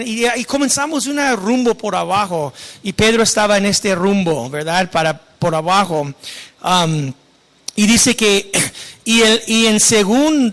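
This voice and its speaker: A man's voice: high voice, fairly bright tone. A male pastor teaching a sermon in a conversational way, often restarting his words.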